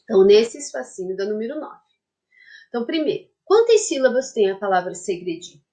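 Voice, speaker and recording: Her voice is medium-pitched and dark in tone, very animated and a little fast, as she teaches a primary school class of young children. Patient throughout, she breaks a word into syllables for dictation, leans on diminutives, and checks in frequently with "tá?".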